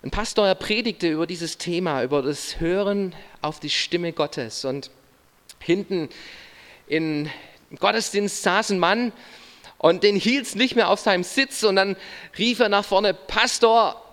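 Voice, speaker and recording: High-voiced preaching man, reverberant hall. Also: unhurried, fairly bright tone. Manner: earnest preaching that speaks to the listener directly, in short phrases. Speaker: pastor. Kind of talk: sermon. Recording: long reverb of a large hall.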